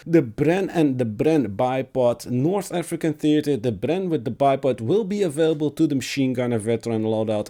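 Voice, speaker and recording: A man with a cracky, squeaky voice from being sick, reading game patch notes aloud with his own remarks, stumbling here and there. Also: mellow. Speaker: gaming video creator.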